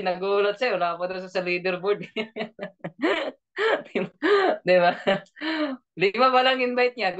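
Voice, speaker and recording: A man's voice: high-pitched, fairly bright tone. A man coaching an online training session, joking, laughing often and keeping his listeners engaged with questions. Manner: joking, laughs often, keeps asking the audience. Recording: dull lo-fi audio.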